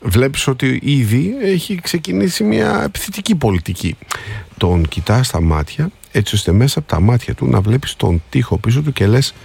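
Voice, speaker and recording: Lively man co-hosting a radio show. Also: mid-range voice, gravelly, slight background noise. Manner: lively, reads listener messages with acted quotes. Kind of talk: casual radio chat.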